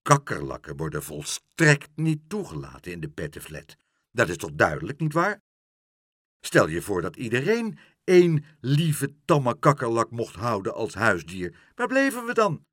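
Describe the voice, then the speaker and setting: A pompous, officious male porter from a children's storybook, played by a man reading aloud. He lectures in a self-important, dismissive way, his pitch swinging broadly, in a dry, close sound. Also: wildly swooping pitch, unhurried, a bit bright, no echo, full character voice.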